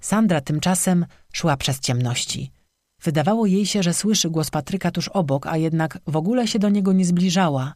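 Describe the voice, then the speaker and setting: An audiobook narrator reads a dark tale at a steady, measured pace. The voice sits at a middle pitch and is recorded close and dry, with no room around it. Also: dry recording.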